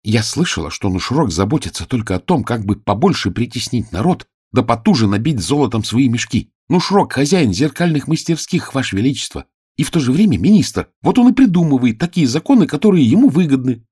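A man's voice: mid-range voice, sing-song, fairly quick, a little mellow, slightly rough, no echo, clean studio sound, pitched above the performer's own voice. A man voicing an earnest, brave young girl disguised as a page in an audiobook drama, speaking in a raised, pleading voice.

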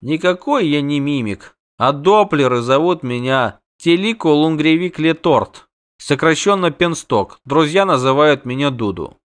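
A man's voice: a little high, animated, unhurried, voice pushed up. Pitiful sly shapeshifter, voiced by a male reader, whiny, pleading, storybook. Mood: whining. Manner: whining, pleading.

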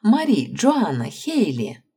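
A snobbish, gossipy young student girl from a fantasy audiobook, as a woman narrator puts her on. She speaks sharply and scornfully, her voice pitched above the reader's own low, husky tone yet still dark underneath, with lively, swinging intonation. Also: unhurried, exaggerated voice. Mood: cheerful.

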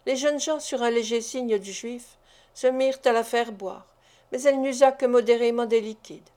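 Audiobook narrator, woman, fairly high voice, measured storytelling delivery. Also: mellow. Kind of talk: classic novel audiobook reading.

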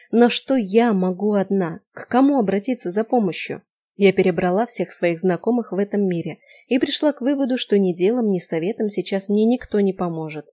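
A woman narrating a first-person audiobook, reading with lively expression at a mid pitch. Her delivery stays clear and engaged, shifting tone with the story.

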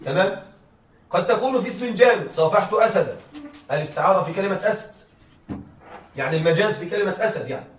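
Teaching a rhetoric class, this man keeps asking students if they're following along. His high voice is animated; he talks fast and pauses often. The audio has classroom echo, a distant mic, and a faint hiss.

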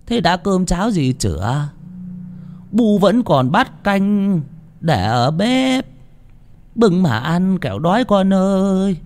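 A man voicing an elderly peasant mother who cries out in grief with drawn-out, pleading wails. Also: high voice, big pitch swings, darkish tone, pitched above the performer's own voice, exaggerated voice. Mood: tender.

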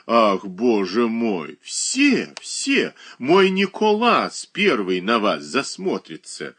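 A man voicing a capricious, childish young married woman who whines and pouts in a high, drawn-out voice. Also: huge pitch swings, fairly bright tone, husky, full character voice. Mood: whiny coquettish.

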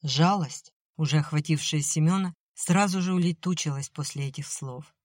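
A woman narrating an audiobook at a measured, even pace. Her voice sits fairly low, and the recording is dry and close-miked, with no room sound. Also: no room sound.

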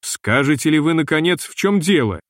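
A man reading a brisk, impatient young captain. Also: on the high side, animated, no room sound, clean studio sound, close to an everyday voice. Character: young male ship captain, impatient and lively.

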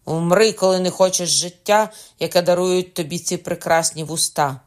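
A brutal, hot-tempered young swordsman from a storybook, put on by a woman reader. He shouts and sneers at his victims, his threats landing hard and loud. The voice sits low and heavy. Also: steady tone, normal speed, lightly acted. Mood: threatening.

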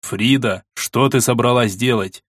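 A man's voice: medium pitch, unhurried, slightly rough, no room sound, clean studio sound. A man voicing a worried archduke who pleads with his wife in an earnest, insistent way. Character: worried, persuasive older archduke, husband.

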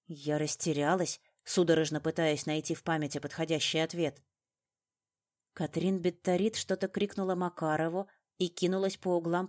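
A woman reading a first-person audiobook in a measured, dramatic way. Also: on the low side, darkish tone. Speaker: audiobook narrator.

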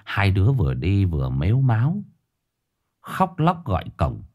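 Lively man telling a ghost story. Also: on the low side, moderate pace.

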